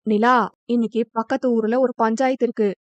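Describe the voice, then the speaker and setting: A woman voicing a middle-aged village father who speaks in a steady, reasoning tone, on a dull lo-fi recording. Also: a little high, moderate pace, no echo, lightly acted. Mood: firm. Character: father Paramasivam, calm village head.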